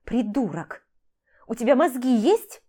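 A woman voicing a sharp-tongued, nervous young woman in an audiobook, given to quick scolding retorts. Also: on the high side, animated, voice pushed up. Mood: scared, angry.

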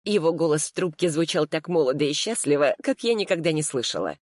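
A woman reading a first-person story aloud in a calm, reflective way. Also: low voice, brisk, no room sound, studio quality. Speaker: audiobook narrator. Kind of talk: scripted first-person narration.

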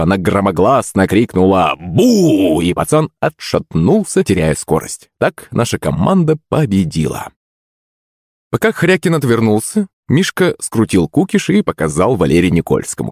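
Lively low-voiced male audiobook narrator. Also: slightly rough, dry recording, studio quality. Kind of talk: first-person fantasy audiobook narration.

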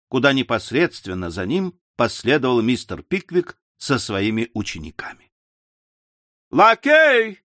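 Animated male audiobook narrator. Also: mid-range voice, no echo, studio quality. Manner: expressive, animated storytelling.

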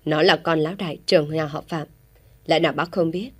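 A woman voicing a stern, hot-tempered middle-aged village man who gives gruff orders. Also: sits low, steady tone, a little fast. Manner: gruff, commanding.

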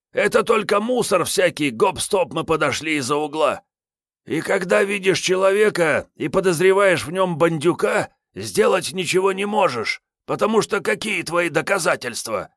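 A man voicing a hungover, boorish male vagrant gunman with a drink-roughened voice, grumbling and rude. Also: sits high, a bit bright, no room sound, clean studio sound, voice pushed up, exaggerated voice. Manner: rude, grumbling, self-pitying. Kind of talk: audiobook character voice.

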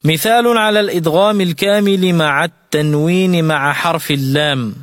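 A man teaching Quran recitation rules in a radio lesson, explaining each rule clearly and reciting examples slowly and melodically. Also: fairly high pitch, a bit bright, no room sound, long reverb tail.

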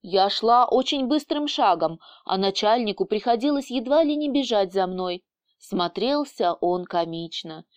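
A woman reading an audiobook aloud in a lively, teasing first-person storytelling manner. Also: mid-range voice, measured pace, smooth, dry recording. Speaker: audiobook narrator. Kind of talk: scripted first-person narration.

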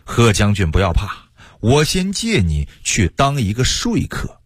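A man's voice: on the low side, wildly swooping pitch, a little slow, heavy background noise, voice pushed down. A man voicing a cunning, bold middle-aged warlord in a radio storytelling show, speaking in a boastful, coaxing way.

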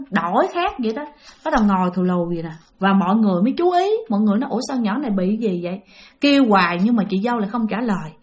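A woman telling a spoken ghost story, lively and acting out the quoted voices. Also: fairly high pitch. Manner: animated retelling with acted quotes.

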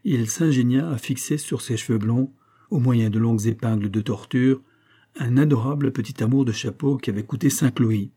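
Male audiobook narrator, husky, dark tone, steady reading. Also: mid-range voice, normal speed.

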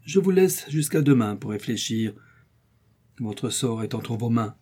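A man reading the part of a cold, severe old aristocratic uncle, in a calm but harsh, husky voice. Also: medium pitch, measured pace. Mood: threatening. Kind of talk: audiobook character reading.

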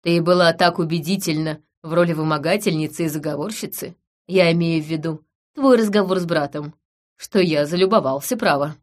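A woman reading an audiobook, voicing a gentle, mysterious man who speaks low and softly. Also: fairly quick, lightly acted. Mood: tender. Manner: low, soft and tender.

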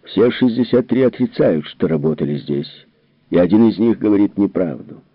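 A man's voice: lowish voice, lively intonation, normal speed, dry recording. A man reading aloud who voices a worried, troubled general explaining things earnestly, on a tinny narrow-band recording. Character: worried, troubled middle-aged male general.

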